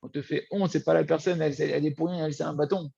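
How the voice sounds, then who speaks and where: A man teaching a Torah lesson, lively and repetitive, often addressing his listeners as friends. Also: a little high, rapid-fire, creaky, husky, no echo, muffled recording. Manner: animated, repeats words, addresses listeners as friends. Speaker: rabbi teaching.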